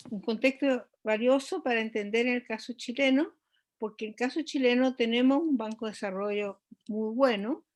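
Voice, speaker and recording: A woman economist speaking as an interview guest, explaining at length with frequent hesitations and restarts. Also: fairly high pitch. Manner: measured, many hesitations and restarts.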